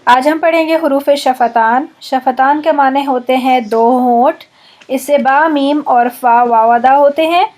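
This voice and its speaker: A woman teaching recitation in a slow, careful way, saying each example word twice. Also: sits high, a little mellow. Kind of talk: online lesson.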